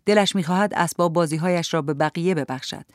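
A narrator reading a literary story aloud in a measured, even storytelling manner. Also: medium pitch, no echo, clean studio sound. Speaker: audiobook narrator.

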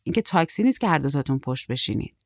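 A woman's voice: low voice, lively intonation, no room sound, clean studio sound. Woman reading brusque middle-aged woman, terse, impatient, audiobook.

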